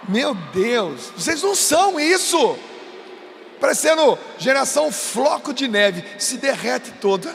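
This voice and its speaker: A Brazilian man preaching to a youth crowd, emphatic, swinging between coaxing and shouting. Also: very high voice. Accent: Brazilian Portuguese. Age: adult. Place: large event stage. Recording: long reverb of a big venue, faint noise.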